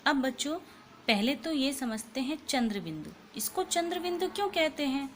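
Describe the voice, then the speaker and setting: A woman teaching a Hindi lesson to children, explaining slowly and patiently and repeating each sound. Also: sits high, expressive, a bit bright, a little hiss or hum.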